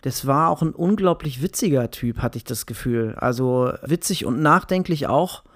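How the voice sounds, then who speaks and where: A man's voice: medium pitch, lively intonation, normal speed, no room sound. Man chatting, dry close sound. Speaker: podcast guest, writer and musician. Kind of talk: casual podcast conversation.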